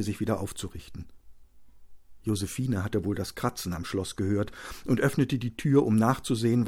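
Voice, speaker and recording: A man reading a novel aloud as an audiobook narrator, with steady, tense storytelling. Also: fairly low pitch, husky. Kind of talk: scripted narration.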